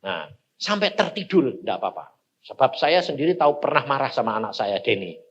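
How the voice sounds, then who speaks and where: Husky older preacher, lively delivery. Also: male voice, medium pitch, a little fast. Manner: animated storytelling with sudden loud bursts. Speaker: evangelist preacher. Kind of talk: sermon. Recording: dull lo-fi sermon recording.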